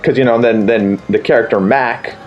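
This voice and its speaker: A man's voice: medium pitch, fairly even intonation, normal speed. Guy interviewing, rambly casual questions, kinda muffled, faint music. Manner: rambling, loosely phrased questions. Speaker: interviewer, filmmaker.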